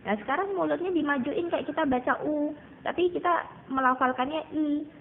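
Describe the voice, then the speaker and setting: In an online lesson, a woman drills Mandarin tones for children by patiently repeating vowel sounds, speaking to her students as children. She talks fairly quickly in a high-pitched voice, on a tinny, phone-like recording with slight background noise.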